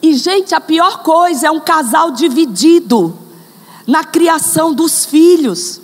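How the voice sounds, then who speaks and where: A woman's voice: high voice, animated, slow pace, long reverb tail. A woman preaching a sermon, speaking straight to the congregation and acting out examples. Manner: addresses the congregation directly, acts out examples.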